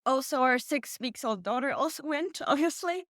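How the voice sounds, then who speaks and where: A woman's voice: high voice, expressive, a bit bright, no room sound, studio quality. A woman in her thirties from Poland, a native Polish speaker, answering interview questions with frequent restarts. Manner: halting, many restarts. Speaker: author guest. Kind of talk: casual interview.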